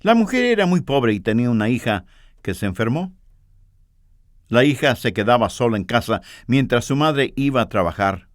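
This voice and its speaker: A man preaching a sermon, telling a story in an earnest, expressive way. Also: mid-range voice, moderate pace, no room sound, clean studio sound.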